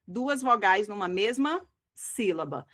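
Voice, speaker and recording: A woman's voice: medium pitch, expressive, a bit bright. A woman with a Brazilian Portuguese accent teaching an exam-prep grammar lesson, explaining step by step and checking in with her students often. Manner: didactic, checks in often with "tá?" and "tá bom?"; slows down to stress key words.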